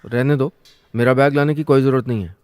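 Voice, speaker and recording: A man voicing a touchy young girlfriend in an audio story, speaking quickly in a pouting, childlike way. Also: medium pitch, fairly even intonation, darkish tone, pitched below the performer's own voice, natural voice. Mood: sulky.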